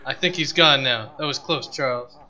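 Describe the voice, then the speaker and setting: A man's voice: mid-range voice, moderate pace, pushed and bright, highs cut off. A man voicing a vain, theatrical older woman, a faded basketball star living in hiding. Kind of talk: reading game dialogue aloud.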